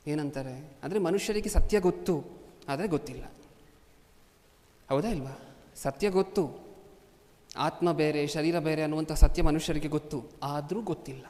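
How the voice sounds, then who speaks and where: Before a congregation in a large hall, a man preaches a sermon and constantly poses rhetorical questions. His fairly high, darkish voice moves at a moderate pace with long pauses, and the recording carries long hall reverb.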